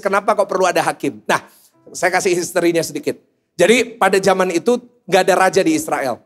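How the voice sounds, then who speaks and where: A male pastor preaching a sermon to a congregation, joking and asking the listeners questions. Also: high voice. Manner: jokey, animated, asks the congregation questions. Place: church service before a congregation.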